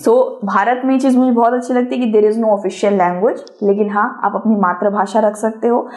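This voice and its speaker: A woman's voice: a little high, a little mellow. Chatty young woman teacher. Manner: chatty, addresses viewers as guys, mixes English terms, personal anecdotes. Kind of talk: casual exam-prep lesson.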